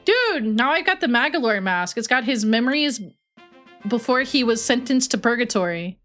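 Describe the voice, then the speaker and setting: A woman's voice: on the high side, animated, moderate pace, fairly bright tone, faint music behind. A woman livestreaming games, chatting casually with chat in a playful gamer-girl way full of slang. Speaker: streamer and host.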